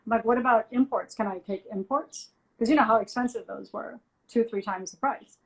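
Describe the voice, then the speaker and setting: A woman with a slightly high voice, a music journalist, spinning an anecdote as a guest on a video call. She talks casually and with a lot of animation, slipping into the voices of the people in her story and filling the gaps with "like.". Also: a little fast, vocal fry, rough recording. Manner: animated anecdote-telling, acts out both sides of quoted dialogue, frequent "like". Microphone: phone or laptop on a video call.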